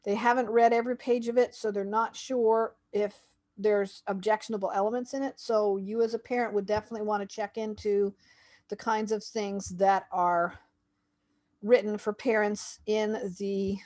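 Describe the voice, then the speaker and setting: A woman calmly walks through a website on screen, narrating each click in a relaxed, conversational way. She thinks out loud as she goes, with a steady, mid-pitched voice. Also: moderate pace. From Canada. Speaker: homeschool website reviewer. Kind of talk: screen-share website walkthrough.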